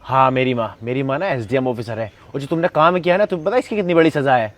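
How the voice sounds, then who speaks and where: A man's voice: medium pitch, fast, lightly acted. A man playing an indignant, protective son. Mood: stern. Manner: indignant, scolding. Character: protective adult son, angry at his ex. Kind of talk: acted short skit.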